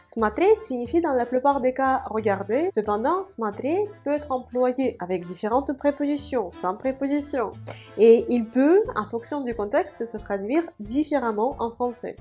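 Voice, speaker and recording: A woman language teacher giving a video lesson, explaining carefully and repeating each word slowly for practice while writing on a board. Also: fairly high pitch, animated, warm tone, soft background music.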